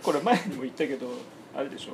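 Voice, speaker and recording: A woman co-hosting a radio show in casual chat, reacting quickly, teasing and laughing often. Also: very deep voice, expressive, background noise.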